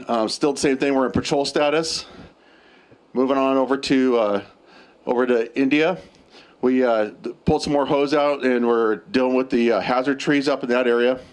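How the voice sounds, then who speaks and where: An American man with a mid-pitched voice gives an operational status report. He is matter-of-fact and halting, feeling his way from item to item. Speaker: night operations officer. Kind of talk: spoken status report at a briefing.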